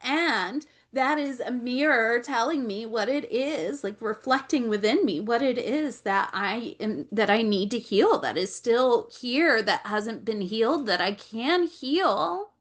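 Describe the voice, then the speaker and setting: On a video call, an animated woman with a fairly high voice gives a channeled Akashic Records reading, speaking slightly slowly with few pauses. She passes on her guides' messages, repeats phrases often, and stops to ask them questions.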